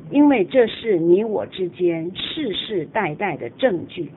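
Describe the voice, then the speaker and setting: A woman reading a Bible chapter aloud in a measured, solemn way. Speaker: scripture reader. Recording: tinny phone-like audio with faint rumble.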